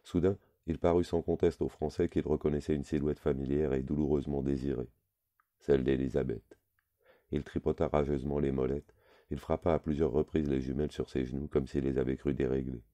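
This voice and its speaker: A man reading a novel aloud in measured, literary narration. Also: extremely low pitch, level tone, warm tone, dry recording. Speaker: audiobook reader. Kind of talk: scripted narration.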